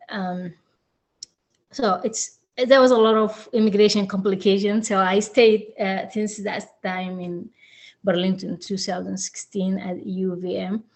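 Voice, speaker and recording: A Sudanese woman, the district's new DEI director, introduces herself at a town hall haltingly, full of fillers and restarts, in a gravelly mid-range voice.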